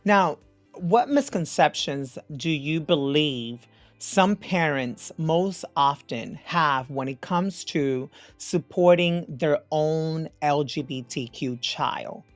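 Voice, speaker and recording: A woman's voice: deep voice, animated, slow pace, no room sound, faint music behind. A woman hosting a podcast, asking careful interview questions. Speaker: podcast host.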